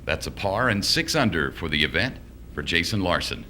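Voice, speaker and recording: A man's voice: deep voice, very animated, normal speed, sharp tone, a little hiss or hum. A man working as a golf commentator, calling play in short, terse announcements.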